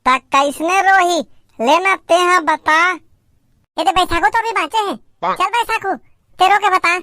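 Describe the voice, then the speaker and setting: In this clean, dry studio recording, a woman puts on an exaggerated, extremely high, bright and pushed voice. Using a Chhattisgarhi accent, she performs cartoon comedy as playful village kids squabbling over a doll wedding, their banter fast, teasing and full of giggles.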